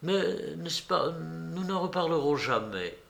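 A man voicing a gentle young woman, a detective's daughter, who speaks softly and hesitantly. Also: medium pitch, a little slow, vocal fry. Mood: sorrowful. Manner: soft, hesitant, sorrowful. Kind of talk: audiobook character reading.

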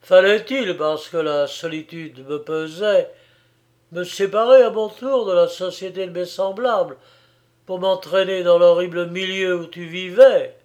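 A man's voice: fairly high pitch, steady tone, takes it slowly, hardly any pauses. A man voicing a furious, bitter young man. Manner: loud, raging outbursts. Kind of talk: audiobook character reading.

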